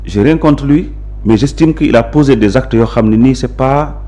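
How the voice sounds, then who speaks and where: At a normal speed and with a warm, medium-pitched voice, a Senegalese-accented man explains where he stands, firmly and emphatically. He's a local politician being interviewed conversationally in a mix of Wolof and French.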